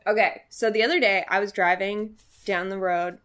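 A woman's voice: mid-range voice, fairly even intonation, normal speed, a bit bright. Playful young woman podcast co-host. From Sacramento, California. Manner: playful, jokey storytelling. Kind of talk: casual chat.

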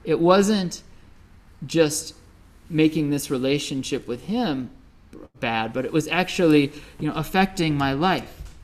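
A man's voice: on the high side, expressive, measured pace. A middle-aged Midwestern man giving a Buddhist dharma talk as a teacher, telling stories conversationally with many fillers. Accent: Midwestern American.

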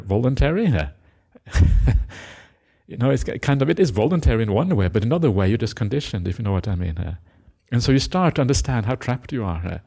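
In a low, gravelly voice, a middle-aged Norwegian Buddhist monk teacher offers an unhurried, reflective Dhamma talk. He keeps checking in with listeners through a soft, questioning "eh?", with gentle laughter and hesitant fillers along the way.

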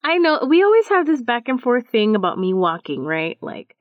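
A woman's voice: fairly high pitch, normal speed, no echo. A woman hosting her own podcast, joking playfully in a casual chat. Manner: playful, joking, animated asides. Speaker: podcast host. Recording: dull lo-fi dry sound.

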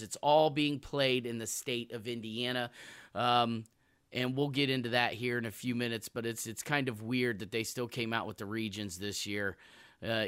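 A man's voice: mid-range voice, pushed and bright, smooth, dry recording, clean studio sound. A man hosting a sports podcast in a casual, emphatic and jokey conversational way.

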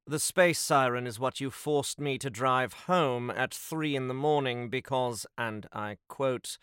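A man playing a polite robot butler, slow and dry. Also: medium pitch, noisy background, natural voice. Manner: formal, deferential, dryly sarcastic. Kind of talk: comedic audio drama acting.

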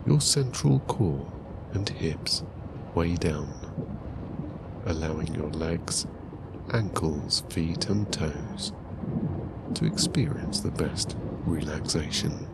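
Very deep, slow male sleep story narrator. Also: creaky, very noisy. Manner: calm, soothing, hushed delivery with long pauses.

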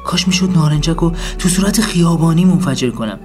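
A man narrating a comic first-person story in a deadpan tone. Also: fairly high pitch. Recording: faint music behind.

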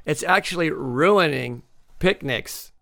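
Gravelly, high-pitched enthusiastic radio host. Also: male voice, expressive, slow pace, a bit bright. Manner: enthusiastic explainer with lots of restarts, laughs often. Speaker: radio show host answering listener questions about science. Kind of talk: casual radio chat.

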